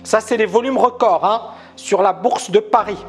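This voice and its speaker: A man teaching trading on a live stream, animated and emphatic, constantly asking viewers questions. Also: high voice, normal speed, slightly rough. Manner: talks to viewers, asks many questions. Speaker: trading educator. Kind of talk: live-stream market analysis.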